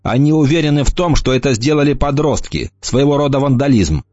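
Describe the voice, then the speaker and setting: A man's voice: medium pitch, expressive, a little fast, a little mellow, no room sound, voice pushed up, natural voice. A man voicing a worried, earnest middle-aged father who sounds anxious. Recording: dull lo-fi dry recording.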